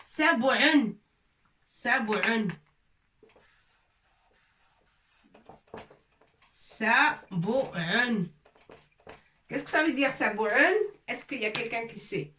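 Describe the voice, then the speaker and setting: A woman's voice: fairly high pitch, normal speed, pushed and bright, slight background noise. A woman teaching an Arabic lesson to a class in French, patiently repeating sounds and mixing in Arabic words. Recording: echoey room, from a distance.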